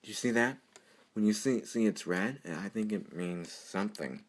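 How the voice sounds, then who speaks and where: Over a screen recording picked up by the computer microphone, a tutorial presenter speaks off the cuff, rambling and easily amused. The voice is medium in pitch with a moderate pace.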